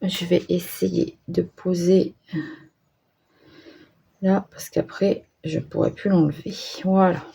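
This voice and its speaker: A woman's voice: fairly low pitch, flat delivery, takes it slowly, gravelly, long pauses, warm tone, breathy edge. A woman chatting casually as she works on an art journal page, thinking aloud with hesitations and small self-mocking remarks. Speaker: craft vlogger. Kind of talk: casual crafting commentary.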